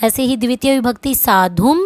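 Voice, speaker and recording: A woman teaching a Sanskrit grammar lesson, explaining slowly and reciting the word forms. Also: fairly high pitch, no echo.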